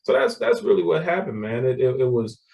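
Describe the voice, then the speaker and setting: A man's voice: mid-range voice, brisk, creaky, far from the mic, dull audio, slight background noise. Laughing man, mic held back. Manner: animated storyteller, laughs often, repeats words. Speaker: guest, real estate developer. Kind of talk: casual interview talk.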